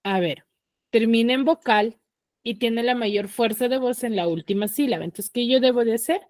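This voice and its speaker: Clean studio sound with no room noise carries a woman's slightly high, somewhat mellow voice at normal speed. She teaches an online class with a Peruvian Spanish accent over a video call's computer mic, leading students through questions step by step.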